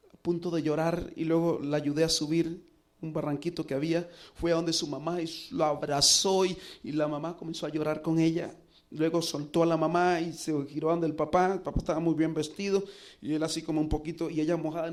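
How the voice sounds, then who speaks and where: A middle-aged pastor preaching, telling a personal story earnestly with dramatic pauses. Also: male voice, a little high, darkish tone. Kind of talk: sermon storytelling.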